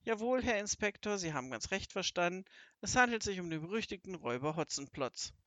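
A reader voicing a self-important male village policeman who speaks in a gruff, officious tone. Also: medium pitch, very animated, a little fast, a bit bright, no room sound. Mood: formal. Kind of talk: audiobook character voice.

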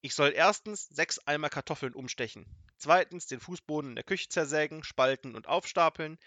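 A man's voice: a little high, moderate pace, bright, forceful tone, dry recording. A man voicing a cheeky young male trickster in a storybook, speaking in a mock-innocent, fake-confused way. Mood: playing dumb.

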